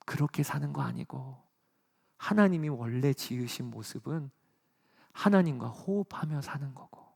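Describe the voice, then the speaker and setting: A man's voice: medium pitch, vocal fry. Earnest middle-aged man preaching a sermon. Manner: swings between loud emphatic peaks and soft hushed lines; earnest, personal storytelling from the pulpit. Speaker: pastor.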